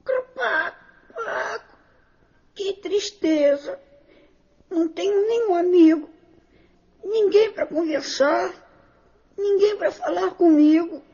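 A squeaky, chatty little parrot. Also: female voice, takes it slowly, long pauses, mellow, heavily acted. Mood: sad. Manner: sing-song, exclamatory storybook delivery. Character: chatty little male parrot schoolteacher, eager, sociable. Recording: dull lo-fi audio.

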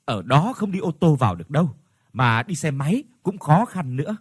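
A man's voice: on the high side, big pitch swings, moderate pace, slightly rough, no room sound, studio quality. A man doing a half-joking old innkeeper. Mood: warning. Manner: teasing yet cautioning. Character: elderly male inn owner, half-joking, warning.

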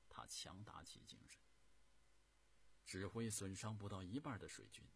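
Deep gravelly man telling a dramatic tale. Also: lively intonation, normal speed, slight background noise. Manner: theatrical, swings from loud bursts to hushed whispers. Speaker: storyteller. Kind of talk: dramatic historical storytelling.

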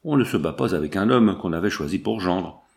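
A man's voice: deep voice, lively intonation, brisk, gravelly, darkish tone, pitched below the performer's own voice. A man voicing a stern aristocratic father in an audiobook, firm and indignant as he lectures his daughter. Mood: lecturing. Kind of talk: audiobook character voice.

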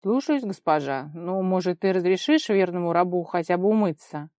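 A woman's voice: medium pitch, fairly even intonation, brisk, dark tone, dry recording, studio quality, close to an everyday voice. A woman reading an audiobook voices a sardonic young man who speaks with irony and weary exasperation. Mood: ironic. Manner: ironic, mocking then tender.

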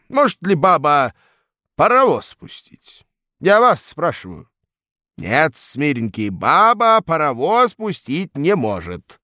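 A man's voice: on the high side, fairly bright tone, no room sound, clean studio sound, pitched above the performer's own voice. Guy doing a blustery pompous professor, lots of uhs, swoopy and bossy. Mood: lecturing. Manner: hemming with drawn-out "uh" fillers, bossy. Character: pompous blustering male lecturer, middle-aged.

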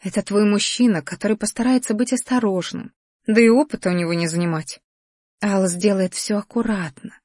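Woman voicing a lizard spirit, female, playful, chiding, slightly higher pitch, dry audiobook sound. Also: brisk, a little mellow, dry recording, close to an everyday voice.

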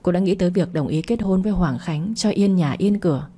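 A woman calmly narrating a story as an audiobook reader. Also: lowish voice, a little fast, husky.

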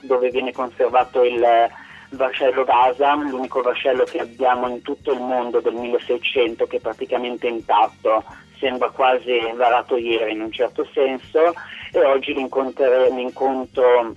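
A man's voice: mid-range voice, flat delivery, moderate pace, muffled recording, faint music behind. A man from Italy, a tour guide and historian talking in a hesitant way with many fillers.

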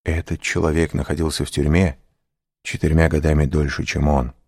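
A man narrating a classic novel as an audiobook in a measured, even storytelling manner. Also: extremely low pitch, husky, no echo, studio quality. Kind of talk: scripted narration.

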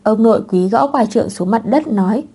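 Một người phụ nữ đọc truyện audiobook bằng giọng đều đều, không vội vàng. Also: female voice, on the high side, animated, brisk, dark tone, slightly rough. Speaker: narrator. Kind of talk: audiobook narration of a web novel.

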